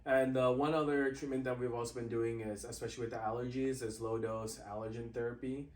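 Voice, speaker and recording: A doctor hosting an interview, asking a patient questions in a conversational way with loose phrasing. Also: male voice, mid-range voice, little pitch movement, fairly quick, a little mellow. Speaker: doctor and host. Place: clinic room. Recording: roomy, slightly distant mic.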